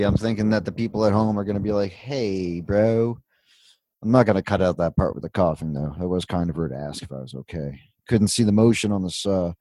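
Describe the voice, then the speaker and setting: A man's voice: lowish voice, mellow, dry recording. A man hosting a live show in casual chat, rambling along with easygoing asides. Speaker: host.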